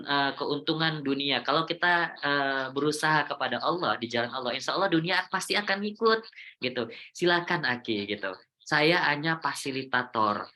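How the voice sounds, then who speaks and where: A man giving an emotional online religious talk, often breaking into spoken prayer. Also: mid-range voice. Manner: emotional, animated, prays aloud in quotes. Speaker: preacher.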